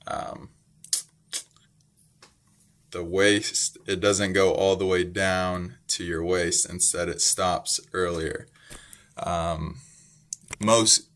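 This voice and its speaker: A young man from the United States slowly explaining English words to learners, patient, repeating words, with many ums. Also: low voice, a bit bright. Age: young adult. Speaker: English teacher. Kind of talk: slow, simple ESL explanation.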